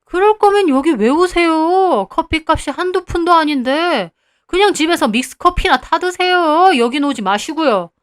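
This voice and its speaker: A woman doing a shrill, rude male cafe owner. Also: expressive, normal speed. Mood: contemptuous. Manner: shrill, loud and snippy, turning to grovelling.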